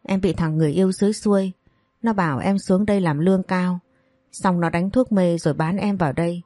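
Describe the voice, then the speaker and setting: A frightened young girl begging for rescue, as a woman storyteller voices her. She sounds tearful and pleading. The read is low-pitched and dry. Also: steady tone, a little fast, warm tone, no room sound, faint music behind, lightly acted. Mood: scared. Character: scared teenage girl with a slight accent.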